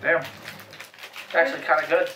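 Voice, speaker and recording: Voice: medium pitch, fairly even intonation, unhurried, a bit bright, roomy sound, far from the mic, a little hiss or hum. A vlogger in a casual snack-tasting chat, speaking bluntly with a mouth full of taffy. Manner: blunt, swears freely.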